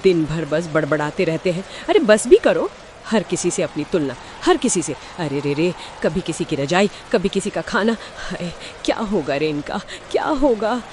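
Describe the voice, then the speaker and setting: A woman's voice: lowish voice, very animated, moderate pace, a little mellow, slight background noise. A woman voicing a worried village wife in a cartoon who keeps crying out to God about her husband. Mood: despairing. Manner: wailing appeals to God, tearful.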